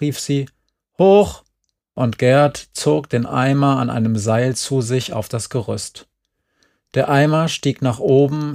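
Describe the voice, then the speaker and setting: A man reading a story aloud as narrator, with calm, even storytelling. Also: medium pitch, gravelly. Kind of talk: audiobook reading.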